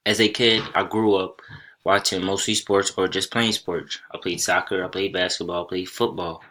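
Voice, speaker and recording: Presenting slides to his class, this young Senegalese student, raised on Soninke, keeps a steady tone. His voice is low with a bright, forward quality, and his delivery is plain and unhurried, broken now and then by small restarts.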